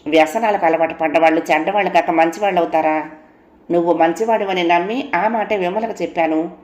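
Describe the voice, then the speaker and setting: A woman's voice: fairly low pitch, fairly quick, a little mellow, reverberant, lightly acted. A woman voicing an indignant elder brother who scolds his sister's husband reproachfully. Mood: scolding.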